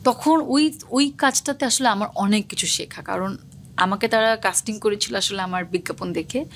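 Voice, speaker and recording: Fast-talking young woman, actress guest. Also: medium pitch, a little hiss or hum. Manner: fast-talking, mixes English words. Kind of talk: casual interview talk.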